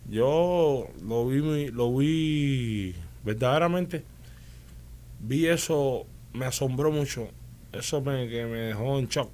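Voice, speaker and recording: A man with a Cuban Spanish accent and a medium-pitched voice speaks slowly as an interview guest, recounting his experiences in a casual conversation. His storytelling is animated, he restarts sentences often, and he keeps checking in with listeners using "¿me entiendes?".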